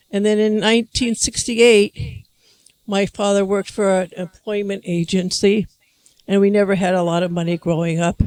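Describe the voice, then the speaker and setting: Using a handheld microphone in a conference hall, an older American woman with a mid-range voice recounts a personal testimony. She is emotional and meandering, frequently starting her thoughts over.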